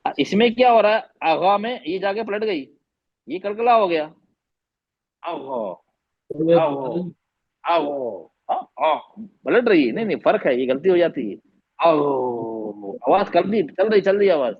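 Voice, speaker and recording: A man's voice: high-pitched, expressive, a little fast, slightly rough, lo-fi sound. A man teaching Quran recitation in an online class, patiently repeating letter sounds for students to echo.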